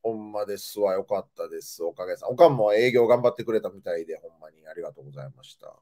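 A man from Nara with a Kansai accent, hosting a casual chat and telling stories in an animated, expressive way. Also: on the low side, very fast. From Nara, Japan. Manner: animated, expressive storytelling with laughter. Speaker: host.

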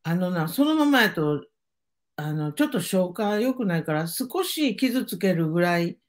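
A woman's voice: fairly low pitch, sing-song, unhurried. An older woman with a Kansai accent, chatting casually as the host's mother and giving easygoing, matter-of-fact advice. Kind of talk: casual chat.

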